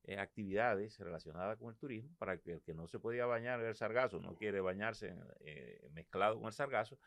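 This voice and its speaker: A man's voice: lowish voice, a little fast, a bit bright, no room sound. A man with a Dominican Caribbean Spanish accent, interviewing conversationally on a podcast.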